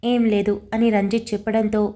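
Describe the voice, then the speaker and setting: A woman narrating a romantic audio story in a calm, even manner. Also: mid-range voice, brisk.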